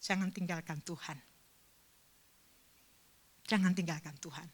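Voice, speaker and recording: A woman pastor's sermon at a church service centers on an emotional personal story, alternating fervent and hushed speech. Her voice is lowish and steady, unhurried, with a breathy edge.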